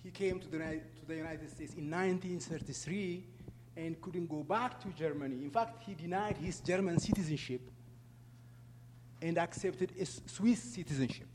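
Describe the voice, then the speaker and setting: A man's voice: on the high side, darkish tone. Ethiopian-accented man speaking in an echoey hall. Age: middle-aged or older, over 44. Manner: halting, asks the audience questions. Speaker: guest speaker, refugee advocate. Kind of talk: public talk to an audience. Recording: echoey hall, clear background noise and hum.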